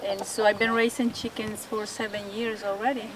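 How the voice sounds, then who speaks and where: Out in her backyard among her chickens, a Salvadoran woman talks in a friendly way in slightly broken English. Her mid-range voice holds a moderate pace with little pitch movement. The distant mic picks up crowd noise along with the chickens.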